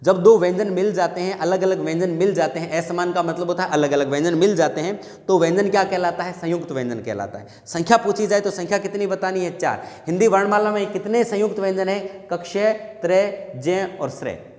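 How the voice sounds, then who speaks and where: High-voiced male Hindi teacher, echoey room. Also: brisk, hardly any pauses, darkish tone. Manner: asks the class questions and answers them himself; repeats key points with emphasis. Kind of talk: exam-prep grammar lesson. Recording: echoey room with long reverb.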